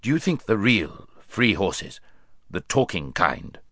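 Voicing a proud, fussy warhorse from a storybook, a man goes very deep, grave and slightly worried about his dignity, with very animated rises and falls. He's slow and sharp-toned in this heavily acted reading, and the close recording is completely dry.

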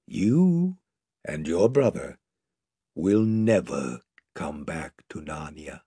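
Brief: a man doing a majestic male lion, low and hushed, slow, grave and tender, breathy edge. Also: big pitch swings, no room sound, studio quality, heavily acted. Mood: gentle, grave. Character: huge wise gentle male lion.

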